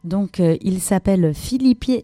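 A woman's voice: medium pitch, a little slow. A woman hosting a radio music show, chatting casually between tracks with frequent hesitations. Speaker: radio host.

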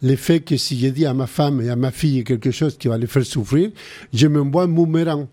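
A man's voice: mid-range voice, a little fast, warm tone. Chilean-accented man hosting call-in radio. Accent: Chilean Spanish. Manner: earnest, giving practical advice. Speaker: radio show host.

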